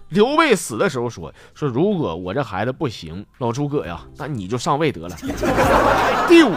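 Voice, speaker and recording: A man, hosting a podcast and reading listener jokes aloud, chuckling through the punchlines and acting out the quoted lines. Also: a little high. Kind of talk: comic joke reading. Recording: loud music bed under the voice.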